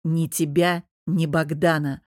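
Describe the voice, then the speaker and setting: A woman's voice: low voice, flat delivery, takes it slowly, darkish tone, no room sound, studio quality. A woman reading an audiobook who voices a stern young man with a cold, clipped, growling manner.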